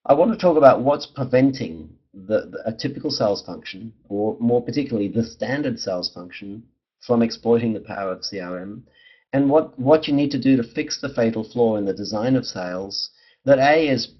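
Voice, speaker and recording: A man with a husky voice presenting a webinar in a measured, hesitant way with pauses mid-phrase. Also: mid-range voice, expressive. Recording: dull lo-fi webinar audio.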